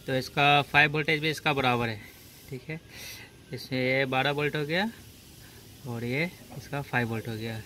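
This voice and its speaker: A male auto electrician and video host explains a repair in a hands-on, informal way, step by step, often adding short check-in tags. His mid-range voice is bright and forceful, with fairly even intonation and a moderate pace, and he pauses often. He's in and beside a car at the engine bay, recorded handheld in a noisy workshop with engine noise.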